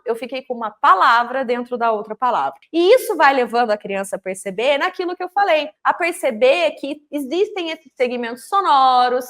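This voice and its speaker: High-voiced Brazilian woman teaching. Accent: Brazilian Portuguese. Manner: animated, sounds words out slowly and clearly. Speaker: literacy teacher trainer. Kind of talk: explanatory teaching talk.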